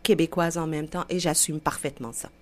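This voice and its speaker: A woman from Algeria talks as an interview guest in a voice on the low side for a woman. She stumbles and restarts, then presses forward with lively emphasis. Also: a little fast. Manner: animated, hesitant, with repeated restarts. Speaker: guest, director of an intercultural association. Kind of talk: conversational interview.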